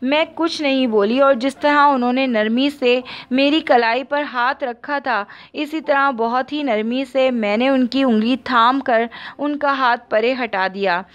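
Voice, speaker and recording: A woman narrating a novel aloud in the first person, steady and even. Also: high-pitched, unhurried, few pauses, dull audio. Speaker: audiobook narrator.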